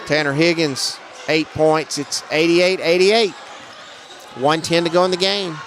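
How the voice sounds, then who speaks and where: Male play-by-play announcer, slightly high voice, brisk game calls, faint gym noise behind. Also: fairly even intonation, fairly bright tone, a faint crowd. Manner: brisk, matter-of-fact calls, raising his voice on big plays. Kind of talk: live basketball commentary.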